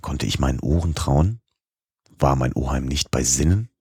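Deep husky male audiobook narrator. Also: moderate pace, no room sound, studio quality. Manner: expressive reading, voicing the dialogue. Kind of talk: scripted narration of a classic novel.

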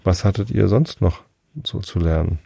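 A man voicing a polite, curious young girl in a storybook reading, asking soft questions. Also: low-pitched, normal speed, gravelly, breathy edge, dry recording, clean studio sound, exaggerated voice. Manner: soft, questioning and a bit indignant.

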